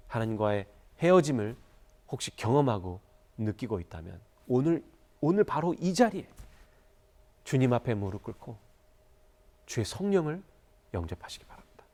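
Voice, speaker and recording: A man's voice: mid-range voice, a little mellow. Man, Korean pastor, church sermon, emotional storytelling, fervent appeals.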